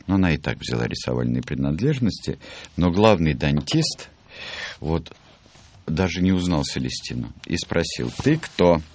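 A man reading a children's book aloud in an animated way, acting out the voices. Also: extremely low pitch, normal speed. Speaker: storyteller.

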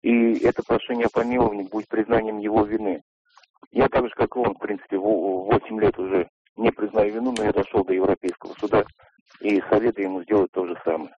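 A man's voice: on the low side, steady tone, breathy edge, dry recording. A man calling a radio phone-in from a payphone, keeping it brief and direct. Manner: brief and direct, rushing to make his point. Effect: voice over a payphone line. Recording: muffled dry payphone line.

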